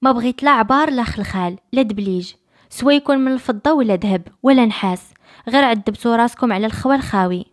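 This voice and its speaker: A woman's voice: on the high side, fast, lightly acted. A woman with a Moroccan accent voicing a distraught young woman held by a sultan, pleading with her brother. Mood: bewildered.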